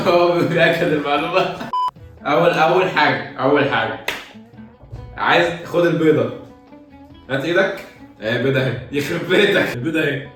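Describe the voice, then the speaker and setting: A young man with an Egyptian Arabic accent hosting a casual challenge video, talking loudly and half-shouting his instructions. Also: on the high side, fast talker, long pauses. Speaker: YouTuber host. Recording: echoey room, far from mic, music behind.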